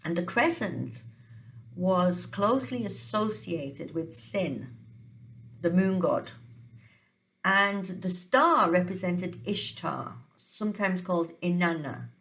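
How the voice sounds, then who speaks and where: A woman's voice: lowish voice, expressive, slow, fairly bright tone. A woman talking casually at home about her dreams, hesitant and full of ums and restarts. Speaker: tarot reader sharing dream interpretations. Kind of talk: casual monologue. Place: home, dog nearby.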